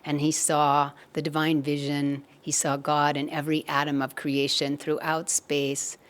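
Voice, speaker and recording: A woman giving a spiritual satsang talk, telling a story in a gentle, measured way. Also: deep voice, completely flat delivery. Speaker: satsang speaker.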